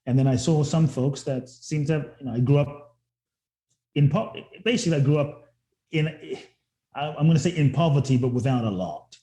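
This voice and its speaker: Here a man born in Ghana who grew up in London speaks as a guest, recounting his story earnestly and reflectively. He repeats words when starting sentences, using a dark-toned, medium-pitched voice at normal speed, recorded with a roomy echo.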